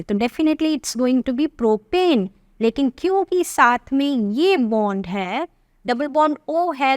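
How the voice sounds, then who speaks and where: An Indian woman teaching chemistry, asking the class questions and spelling out formulas slowly. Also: high-pitched, no echo, clean studio sound. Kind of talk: classroom lesson in Hindi-English mix.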